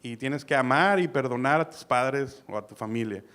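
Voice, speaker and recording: A young man preaching a sermon, animated, switching between loud emphasis and soft asides. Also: mid-range voice, normal speed.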